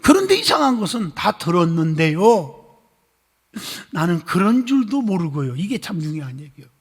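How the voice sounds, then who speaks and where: A male pastor preaching a sermon, telling a story with animated gusto and calling on the congregation for amens. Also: high-pitched, moderate pace, breathy edge. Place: church sanctuary. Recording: long church hall reverb.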